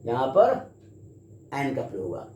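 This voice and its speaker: Animated Indian teacher in echoey room. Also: male voice, mid-range voice, moderate pace. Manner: addresses students, asks and answers his own questions. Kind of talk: classroom grammar lesson. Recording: echoey room with faint background noise.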